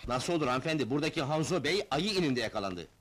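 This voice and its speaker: A placating doctor. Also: male voice, a little high, expressive, racing, a bit bright. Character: doctor, calm then exasperated.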